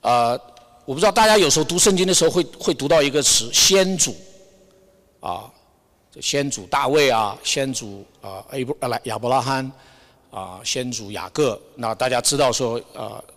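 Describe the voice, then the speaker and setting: A man's voice: medium pitch, moderate pace, a bit bright. A middle-aged man giving an informal church testimony, hesitant and searching for words, with English words mixed in. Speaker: church member sharing a Sunday message. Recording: long hall reverb.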